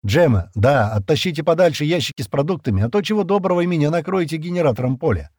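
A man's voice: a little high, expressive, fast talker, darkish tone, no room sound, studio quality, pitched above the performer's own voice. Man doing a curt, commanding tough pilot. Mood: wry.

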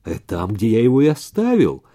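A man voicing an accused flat owner who answers calmly, without raising his voice, in a story reading. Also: medium pitch, brisk. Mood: calm defiant. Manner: calm, level, not raising his voice.

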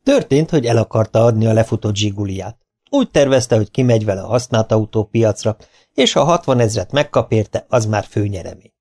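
A man's voice: fairly low pitch, lively intonation, darkish tone. A man reading a memoir aloud as an audiobook, in a dry, wry storytelling manner. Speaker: audiobook reader.

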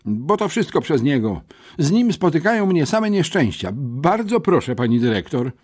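A man's voice: on the high side, big pitch swings, moderate pace, a little mellow, husky, voice pushed up. A man voicing a frightened schoolboy who pleads desperately with the headmistress. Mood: desperate pleading.

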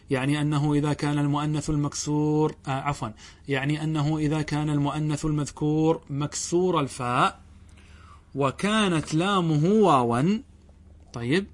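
A man teaching a classical Arabic grammar lesson, explaining step by step and answering his own questions, slowing down to spell out word forms. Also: fairly high pitch.

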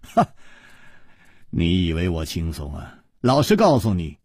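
A cool, wry young hero from a wuxia storybook, low and unhurried, as a husky male storyteller puts him on. Husky and dry close up. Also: huge pitch swings, darkish tone, no room sound, heavily acted.

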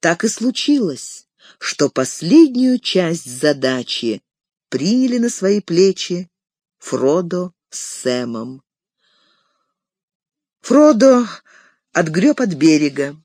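An audiobook narrator reading an adventure story with animated, dramatic delivery. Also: mid-range voice, slow, pauses often, dry recording, clean studio sound. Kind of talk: expressive scripted narration.

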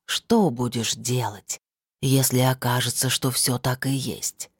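A woman voicing a husky taunting invisible spirit. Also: rumbling low, flat delivery, no room sound, clean studio sound, pitched below the performer's own voice, full character voice. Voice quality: husky, slow and drawn out. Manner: taunting, scornful. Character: mocking cruel invisible male spirit. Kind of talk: audiobook narration.

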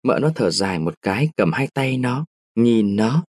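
A male narrator reading a short story aloud in an expressive storytelling manner. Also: fairly low pitch, normal speed, slightly rough, no room sound, clean studio sound. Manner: expressive storytelling, shifting into character voices. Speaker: audiobook narrator.

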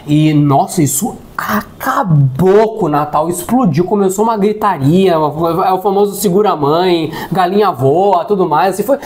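A man's voice: high voice, unhurried, few pauses, a little mellow. Man telling a family story. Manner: storytelling, acting out quoted relatives. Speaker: podcast co-host. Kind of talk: casual storytelling chat.

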